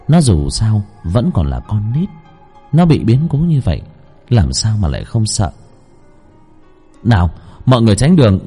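A man tells a first-person horror story in a tense, suspenseful way. His voice sits low with a dark, husky grain and swings widely in pitch as he builds dread, with faint music playing underneath. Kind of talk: dramatic horror story narration.

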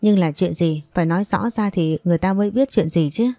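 A woman's voice: on the low side, fast, dark tone, no echo, soft background music, close to an everyday voice. A woman narrator voicing a harsh, scheming middle-aged mother with a cold, scolding way of talking.

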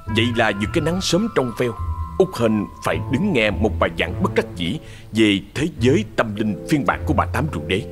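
A man narrating a ghost story in an expressive storytelling manner. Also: lowish voice, a little fast, over music.

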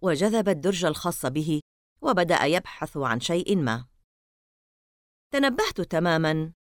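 A woman narrating an audiobook novel with expressive storytelling. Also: fairly low pitch, normal speed, no echo, studio quality.

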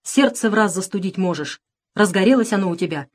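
A woman's voice: medium pitch, animated, a little fast, close to an everyday voice. A woman reading as a strict old peasant grandfather, curt and winded, storybook reading. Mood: stern, strained. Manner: stern, breathless commands. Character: grandfather Nikita, stern strained old peasant.

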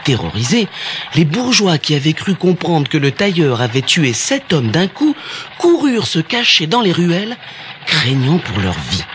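A man narrating a children's fairy tale in an expressive, animated way. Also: a little high, normal speed, background noise. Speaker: storyteller. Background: music.

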